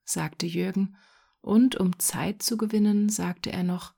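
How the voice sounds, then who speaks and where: A woman narrating a short story in a soft, hushed reading voice. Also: medium pitch, steady tone, slow pace, creaky, slightly rough. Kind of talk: audiobook narration.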